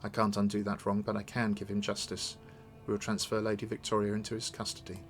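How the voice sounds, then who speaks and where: A man's voice: fairly low pitch, completely flat delivery, fairly quick, faint music behind, natural voice. A man voicing a resolute, wronged noblewoman in a video game, formal and accusing. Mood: formal, earnest. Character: stern, wronged noblewoman seeking her throne. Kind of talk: read-aloud of video game dialogue.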